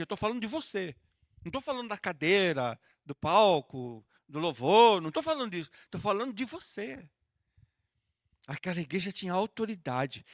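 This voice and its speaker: A southern Brazilian pastor whose voice sits high delivers a sermon in a church auditorium, in a dry, clean studio recording. His preaching is familiar and conversational, warmly addressing listeners and acting out sample prayers.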